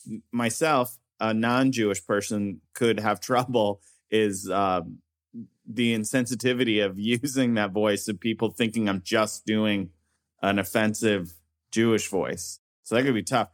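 A man appearing as a guest comedian on a podcast, talking in a wry, deliberate way in casual chat. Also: lowish voice, fairly even intonation.

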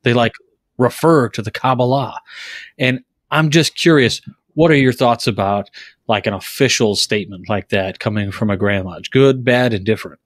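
A man's voice: medium pitch, dry recording. Dry-sounding man in his sixties. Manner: measured reading, then casual questioning with fillers. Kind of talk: reading aloud, then asking a question.

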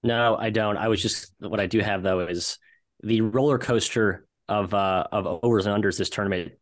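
A man's voice: on the low side, steady tone, moderate pace, no room sound. A man giving betting picks as an analyst in casual sports chat.

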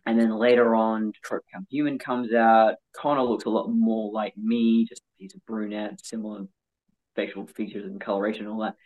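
An interview guest with a male-sounding voice, telling personal stories candidly in an animated, self-mocking way. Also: medium pitch, a little fast, low-quality recording. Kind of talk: candid personal storytelling in conversation.

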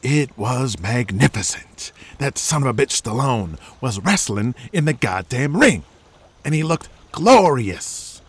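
A man's voice: medium pitch, sing-song, unhurried, husky. A man voicing a brash, boastful washed-up male movie star with a swaggering wiseguy manner. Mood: scheming.

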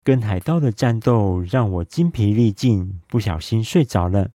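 A weary but kind boy hero, as a man reads him, gentle and earnest, low mellow voice, bedtime storybook. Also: expressive, normal speed, no room sound, studio quality. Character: brave young boy hero, tired and kind.

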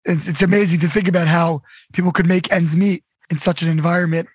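Upbeat high-voiced man hosting a podcast. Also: fairly even intonation, fast talker, breathy edge, no echo, clean studio sound. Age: middle-aged. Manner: upbeat, repeats "amazing" and "incredible". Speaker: podcast host. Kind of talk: casual interview.

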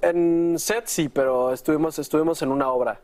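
A man's voice: fairly high pitch, moderate pace, darkish tone. A sixteen-year-old boy appearing as a guest actor, answering in a shy, hesitant way. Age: teens. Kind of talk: talk show interview.

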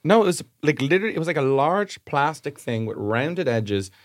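A man's voice: a little high, sing-song, brisk, no echo, clean studio sound. An Irish man in his thirties, co-hosting a podcast, rambling through an anecdote with lots of fillers. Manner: rambling storyteller, frequent fillers and laughs. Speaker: podcast co-host. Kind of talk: casual chat, anecdote.

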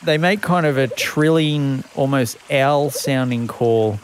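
Mid-pitched man explaining in an interview. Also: takes it slowly, slight background noise. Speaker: conservation scientist interviewee. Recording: faint music behind the voice.

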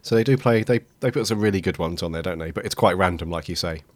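A man hosting a casual podcast, his voice croaky and raspy from a head cold, a touch of man flu. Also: low voice, fast talker, no room sound. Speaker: podcast host.

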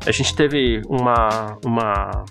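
A man's voice: medium pitch, slow pace, gravelly, fairly bright tone, soft background music. Brazilian man explaining listener questions. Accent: Brazilian Portuguese. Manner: explains at length, hedging and speculating aloud. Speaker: podcast co-host. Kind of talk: casual chat, answering listener messages.

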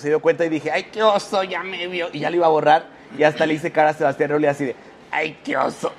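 A man's voice: fairly high pitch, noisy background. A man with a Mexican accent telling a gossip story as a guest on a live talk show, acting out the quoted voices in it. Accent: Mexican Spanish. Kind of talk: casual chat.

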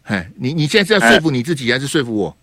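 A man hosting a call-in radio talk show, teasing and grilling his caller with rapid-fire questions. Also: mid-range voice, sing-song, pushed and bright, no room sound. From Taiwan.

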